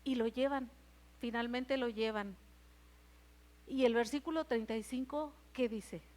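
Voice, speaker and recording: A woman's voice: a little high, unhurried, a little mellow. A woman with a Mexican accent preaching a Sunday sermon in church. She retells scripture and keeps asking the congregation questions. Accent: Mexican Spanish. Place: church service.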